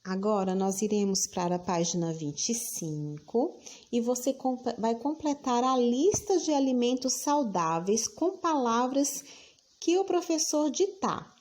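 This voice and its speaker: A woman teacher, giving a recorded lesson for children and dictating words slowly, repeating each one. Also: fairly high pitch, lively intonation, darkish tone.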